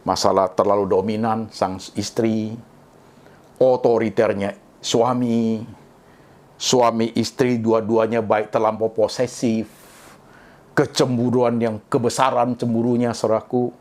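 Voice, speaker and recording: A man's voice: lowish voice, flat delivery, a little slow, a little mellow. A middle-aged man from Indonesia preaching a sermon, often addressing his listeners directly and mixing in English phrases. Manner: mixes English phrases into speech. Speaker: pastor.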